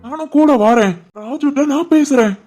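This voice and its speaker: A woman voicing a gentle young village man in an animated drama, soft and comforting, with a Tirunelveli Tamil accent. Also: high-pitched, normal speed, loud music behind the voice, voice pushed down, close to an everyday voice.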